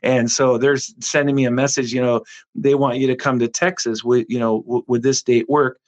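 A man who is a guest minister, telling stories in a lively conversational way, with many restarts and acted-out quotes. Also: mid-range voice, normal speed. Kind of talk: conversational storytelling.

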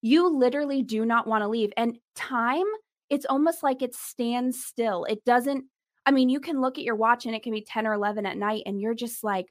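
A woman's voice: a little high, fairly even intonation, normal speed. A woman interviewing a minister, reacting enthusiastically and affirming what he says. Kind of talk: interview chat.

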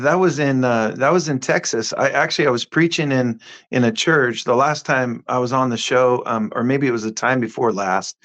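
A man who is a guest minister, telling stories in a lively conversational way, with many restarts and acted-out quotes. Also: medium pitch, lo-fi sound. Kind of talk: conversational storytelling.

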